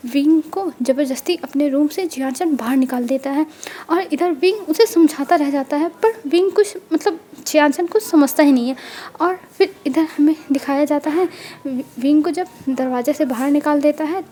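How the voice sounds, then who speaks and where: High-voiced woman retelling a story. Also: moderate pace, mellow, a little hiss or hum. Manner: conversational, restarts with fillers.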